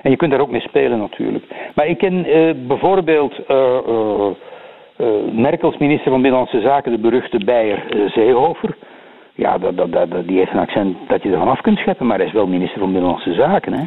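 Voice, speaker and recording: Older Belgian guest, Belgian Dutch accent, halting delivery full of "eh"; tinny phone-line sound. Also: male voice, mid-range voice, expressive, vocal fry, breathy edge. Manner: hesitant, many fillers and repeated words. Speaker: guest commentator. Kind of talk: radio interview by phone.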